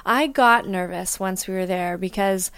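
A woman's voice: mid-range voice, unhurried, a bit bright, clean tone, no echo. A woman co-hosting a podcast in casual personal conversation, talking in a candid, reflective way. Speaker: podcast co-host.

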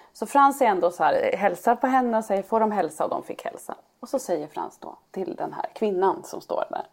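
Animated storytelling Swedish-speaking woman. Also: lowish voice. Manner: animated storyteller who acts out quoted speech. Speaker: podcast co-host and parent. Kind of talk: casual chat.

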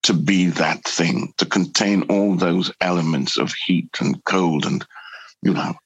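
A man from Newcastle with a Geordie accent, an actor reflecting in an interview, thoughtful and halting, often repeating words as he finds his thought. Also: sits low, gravelly, a bit bright, husky, lo-fi sound. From born in Trinidad, grew up in Newcastle.

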